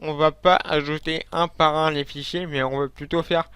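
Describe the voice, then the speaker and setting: A man hosting a screen-recorded software tutorial, casual and hesitant, with many fillers and restarts as he talks straight to viewers. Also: a little high, fairly even intonation, normal speed, smooth, no echo.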